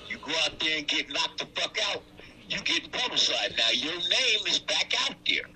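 A man's voice: a little high, sing-song, normal speed, bright, forceful tone, slight background noise, low-quality recording. A man in his sixties, a regular on a casual podcast, talking loosely and emphatically over a video call. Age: 60s. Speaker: co-host.

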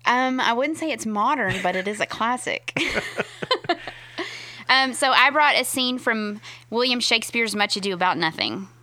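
A woman's voice: a little high, expressive, a little slow, pushed and bright. A woman co-hosting in casual chat, explaining eagerly with plenty of fillers.

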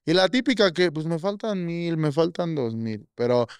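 Man, Mexican accent, young adult, podcast guest, easygoing and joking, clear voice, dry sound. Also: on the high side, normal speed, no echo. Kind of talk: casual chat.

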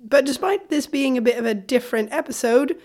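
A woman from Sweden co-hosting a podcast in a conversational way, her voice gravelly from a cold. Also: high-pitched, brisk, a little mellow. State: has a cold. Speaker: podcast co-host.

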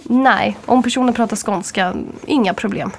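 A young woman from Örebro with an Örebro accent chats casually into a studio microphone. Her voice sits at an ordinary middle pitch, and she rambles, circling back and restarting her sentences with plenty of fillers. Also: gravelly. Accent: Örebro Swedish. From Örebro, Sweden. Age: young adult. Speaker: radio co-host.

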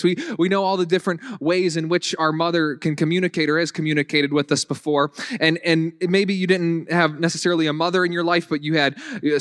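Southern-accented male pastor, slightly high voice, chatty sermon with restarts and dry humor. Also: fairly bright tone. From Virginia. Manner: conversational, repeats words and restarts, dry humor.

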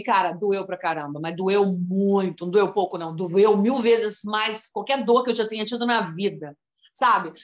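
A woman's voice: mid-range voice, echoey room. A woman in her fifties talking casually and emotionally, rambling through a personal story and often addressing her listener by name. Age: 50s. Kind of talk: casual conversation about healing and spirituality.

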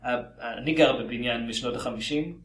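Guy from israel co-hosting a movie podcast, jokey and animated, mid-pitch voice, roomy echo. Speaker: podcast co-host. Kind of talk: casual podcast chat about films.

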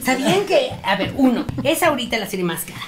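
A woman, co-hosting a casual chat and telling stories with drawn-out, animated phrasing. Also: high-pitched, loud music behind the voice.

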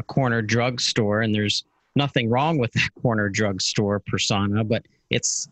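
A man's voice: fairly low pitch, a bit bright, no echo, poor audio. A man hosting a podcast interview, speaking enthusiastically with many fillers and restarts. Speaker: podcast host. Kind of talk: casual interview.

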